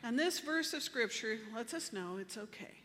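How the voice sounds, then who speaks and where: A woman pastor delivering a sermon, with measured, emphatic phrasing. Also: on the high side, lively intonation, fairly bright tone, big-room sound, a little hiss or hum. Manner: measured, emphatic preaching with slow deliberate phrasing.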